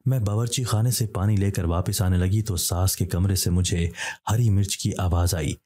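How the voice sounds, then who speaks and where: A man with a low, husky voice reads a scripted horror story. His tone is dark and mellow, and he keeps a steady pace as he voices every character himself. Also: normal speed.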